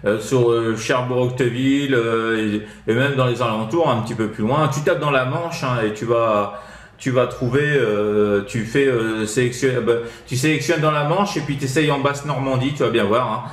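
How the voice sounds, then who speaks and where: A man with a French accent from France, medium-pitched and speaking at normal speed, gives advice as a CB radio operator in a casual chat. He is hesitant and rambling, full of tag words, and the recording has a roomy echo.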